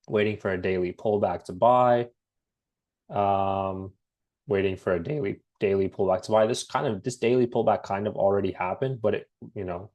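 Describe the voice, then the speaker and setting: A man with a head cold walks through trading charts in a relaxed, halting way, full of ums and restarts. His voice sits a little low and carries a slight rasp. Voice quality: raspy. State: has a cold, slightly raspy. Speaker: forex trading analyst. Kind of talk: casual screen-share market breakdown.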